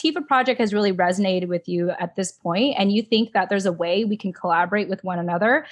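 A woman's voice: medium pitch, quick pace. Woman co-host, bubbly and chatty, laughs easily, casual podcast talk over a video call. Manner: bubbly, laughs often, uses "like" a lot. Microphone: remote video call.

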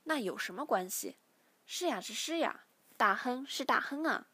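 A woman's voice: on the high side, animated, moderate pace, husky. A woman voicing a stubborn young man who answers his father firmly in a read-aloud novel. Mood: annoyed. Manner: firm, defiant. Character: young male first-person hero, stubborn.

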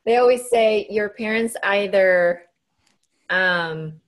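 A woman's voice: mid-range voice, takes it slowly. A woman hosting a conversational interview, reacting with enthusiastic, affirming comments. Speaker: podcast host.

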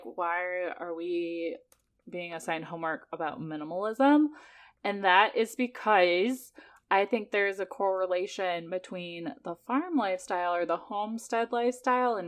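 A woman's voice: mid-range voice, moderate pace, a bit bright. A woman co-hosting a podcast in casual chat, telling things in an informal, jokey, rambling way. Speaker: podcast co-host.

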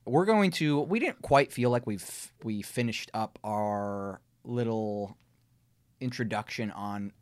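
A man's voice: on the low side, slow, clean tone, no echo, clean studio sound. Minnesotan man hosting a podcast. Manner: relaxed, laughs often, hesitant restarts. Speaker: podcast host. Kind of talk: casual podcast chat. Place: home room full of books.

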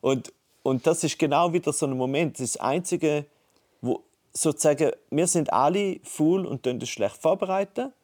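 A man's voice: a little high, moderate pace, a little mellow. A man, co-hosting a casual podcast talk and thinking aloud with many restarts. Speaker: podcast co-host. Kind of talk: casual conversation. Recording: phone call.

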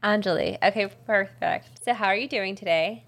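A woman's voice: medium pitch, moderate pace, a bit bright. A woman hosting an art podcast, reading a scripted intro and then chatting casually with short upbeat replies. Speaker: podcast host. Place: living room floor.

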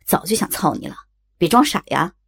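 A woman's voice: expressive, a little fast, vocal fry, a bit bright, slightly rough, heavily acted. Woman doing a sly young guy. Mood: teasing. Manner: grins and jokes, lowered voice. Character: cheeky young man, teasing and sly.

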